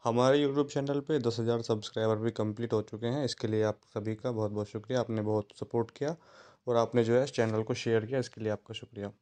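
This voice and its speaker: A man's voice: medium pitch, fairly even intonation, quick pace, a little mellow, clear, resonant tone. A man teaching an exam-prep lesson online, repeating key terms and checking in with his students. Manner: repetitive, stresses key terms and checks in with "theek hai".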